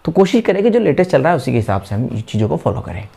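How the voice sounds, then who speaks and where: A man with an Indian accent teaching spoken English, explaining patiently and repeating example phrases slowly. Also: medium pitch, sing-song, gravelly, warm tone, breathy edge.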